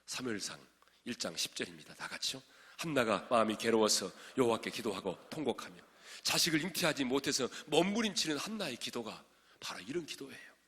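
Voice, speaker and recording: A male pastor preaching to a congregation, swinging from shouted exhortation to hushed asides and quizzing his listeners. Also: medium pitch, sing-song, a little fast. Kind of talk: sermon at a prayer meeting. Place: large church sanctuary. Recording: long reverb of a large church hall.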